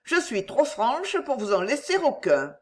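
A woman's voice: fairly high pitch, very animated, a little slow, pitched above the performer's own voice. A woman voicing a proud young woman who answers tersely and frankly. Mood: cool.

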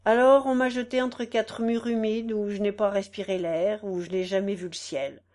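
A woman voicing a broken old beggar back from prison, speaking low and bitter in a storybook reading. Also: steady tone, normal speed, a little mellow, natural voice. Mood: weary.

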